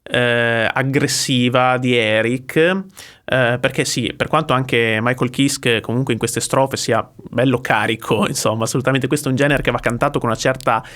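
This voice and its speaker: Halting, explanatory man vocal coach. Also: medium pitch, level tone, a bit bright. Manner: explanatory, often pausing with "eh" and checking with "ok?". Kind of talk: music reaction and vocal analysis.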